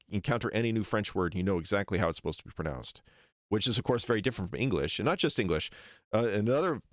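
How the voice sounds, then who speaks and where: An American man streaming casual commentary, rambling and animated as he exaggerates foreign vowel sounds to make his point. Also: fairly low pitch, no echo, studio quality. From United States. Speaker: streamer reacting to a lecture.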